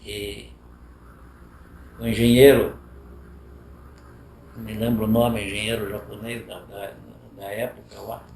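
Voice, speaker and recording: A man's voice: on the low side, flat delivery, measured pace, pauses often, a little mellow. Older southern Brazilian man reminiscing. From Paraná, Brazil. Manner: rambling, frequent tag "né?". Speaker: retired motorcycle racer. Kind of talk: reminiscing storytelling. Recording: roomy echoey room.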